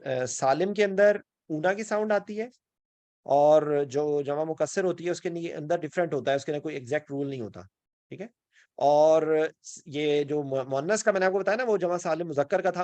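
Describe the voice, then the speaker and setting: A man's voice: a little high, no echo. A man with a Pakistani Urdu accent gives an online grammar lesson in a slightly raised voice. He explains step by step, keeps checking in with his students and slips English words in. The recording is dry and close, with no room sound. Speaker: Quran and Arabic grammar teacher. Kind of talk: online class lecture.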